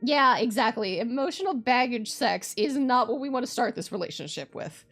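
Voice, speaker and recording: A woman streamer reading a visual novel aloud and reacting casually, candid and expressive. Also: fairly high pitch, moderate pace, soft background music.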